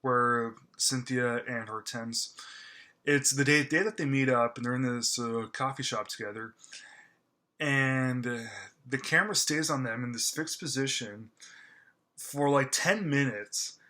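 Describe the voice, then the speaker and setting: A medium-pitched, bright, forceful voice belongs to a movie reviewer chatting casually about a film. Enthusiastic and gushing, he stammers along with many fillers and restarts.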